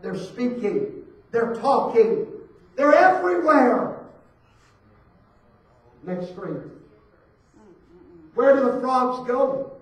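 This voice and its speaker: High-pitched preacher in an echoing church. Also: male voice, lively intonation, takes it slowly, long pauses. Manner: swings from hushed to shouting, rhythmic repetition. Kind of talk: fiery church sermon. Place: church sanctuary. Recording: echoey hall, preacher far from the mic.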